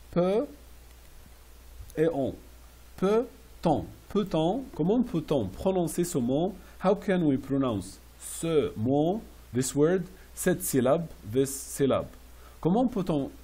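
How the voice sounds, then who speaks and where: Slow, husky male French teacher. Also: on the high side, dark tone. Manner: explains French phrases in English, repeating each slowly. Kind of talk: classroom phrase lesson.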